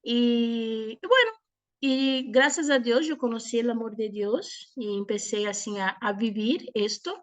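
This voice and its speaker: A Brazilian woman in her forties, a native Portuguese speaker, gives an informal religious testimony in a halting mix of Portuguese and Spanish. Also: on the high side. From southern Brazil. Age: 40s. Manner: hesitant, halting, with frequent pauses. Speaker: speaker giving a personal testimony.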